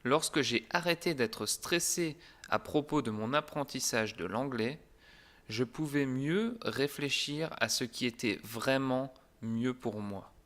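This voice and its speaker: A man teaching a language lesson in a calm, deliberate, clearly articulated way. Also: mid-range voice. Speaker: French teacher.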